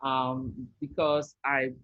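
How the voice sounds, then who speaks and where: A woman from Liberia, a peace activist, telling her story on a podcast in an earnest, measured way with thoughtful pauses. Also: rumbling low, little pitch movement, no echo, narrow, tinny audio.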